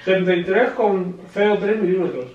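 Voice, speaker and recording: A man's voice: sits high, steady tone, moderate pace, a little mellow, a little hiss or hum. A man making joking, teasing remarks from across the room at home. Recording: roomy, dull, off-mic from across room.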